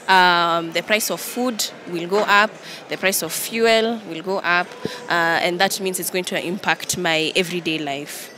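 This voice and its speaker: Bright-voiced young Kenyan woman, noisy hall. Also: medium pitch. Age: young adult. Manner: code-switches between English and Swahili. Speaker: interviewee, young leader. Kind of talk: on-the-spot media interview. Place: large indoor event hall. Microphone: handheld reporters' microphones. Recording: clear background noise of busy hall.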